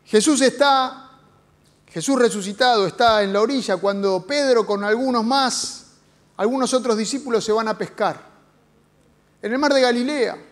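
A man's voice: very high voice, moderate pace. A man with an Argentine accent, a pastor preaching a sermon as dramatic storytelling with rhetorical questions. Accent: Argentine Spanish.

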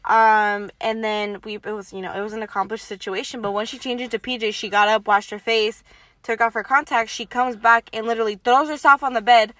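A young woman co-hosting a podcast, telling stories in an animated way and swearing freely. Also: a little high, fairly quick, no room sound. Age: young adult. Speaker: podcast co-host. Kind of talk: casual chat.

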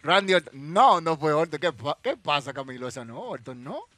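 Lively high-voiced man hosting a quiz. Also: normal speed, no echo. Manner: animated, teasing, answers chat directly. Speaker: livestream host running a wrestling trivia quiz. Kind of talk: casual live chat reading viewer comments.

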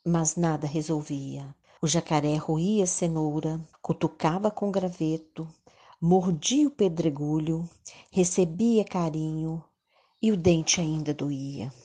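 A woman's voice: low voice, unhurried, mellow. A Brazilian woman narrating a children's story expressively, in the manner of a kids show host.

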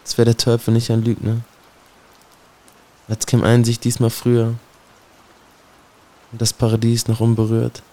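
In a low, gravelly voice with a dark, mellow tone, a man performs spoken-word poetry aimed directly at a listener. He is solemn and brooding, and his monotone delivery barely rises or falls. He speaks a little slowly and pauses often.

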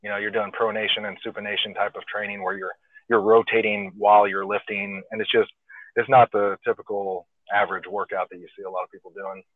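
Arm wrestler guy on a phone call, lowish voice, tinny dry line, lots of ums. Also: brisk, no room sound. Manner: relaxed, many fillers, explains plainly. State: slightly out of breath. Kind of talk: casual interview over phone.

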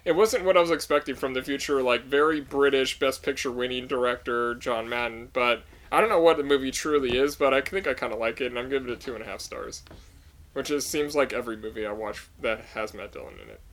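A man's voice: medium pitch, quick pace, fairly bright tone. Man giving a rambling film review. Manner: rambling, many fillers and likes. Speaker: podcast co-host. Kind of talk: casual movie review chat.

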